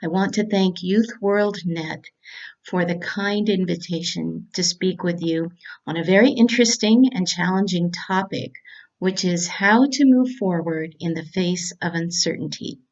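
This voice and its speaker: Woman doctor giving a calm talk, kinda low voice, a bit muffled audio. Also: a little slow. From California. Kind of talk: prepared motivational talk.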